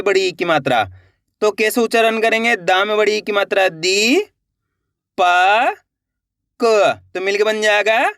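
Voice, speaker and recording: A man's voice: high voice, a bit bright, no room sound, studio quality. A man teaching a reading lesson online, sounding out each word syllable by syllable before blending it, and asking his learners questions to coax them along. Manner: spells words syllable by syllable, then blends them; coaxing, asks learners questions and urges them to try.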